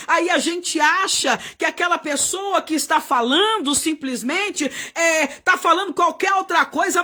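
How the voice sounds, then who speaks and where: A woman missionary preaching a fervent Pentecostal sermon, often shouting and crying out hallelujah. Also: high-pitched.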